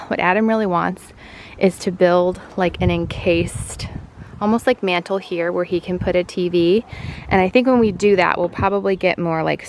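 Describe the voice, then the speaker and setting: Woman, creaky voice, gushing home vlogger, casual chatty delivery, faint background noise. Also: lowish voice. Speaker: homemaking vlogger, host. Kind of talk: casual house-tour vlog chat. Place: at home, partly outdoors on a deck.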